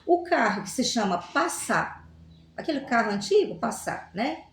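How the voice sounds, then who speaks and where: Animated teacher in an echoey room. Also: female voice, fairly high pitch, moderate pace, slight background noise. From Goiás, Brazil. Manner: animated, teacherly, asks rhetorical questions, playful examples. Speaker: Portuguese teacher, guest. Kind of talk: casual explanatory chat.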